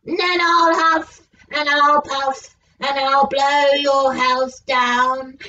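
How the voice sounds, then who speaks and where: A woman's voice: little pitch movement, sharp tone, full character voice. A woman growling as the big bad wolf. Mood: menacing. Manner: low drawn-out growl, slow and sly. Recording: distant, dull lo-fi recording.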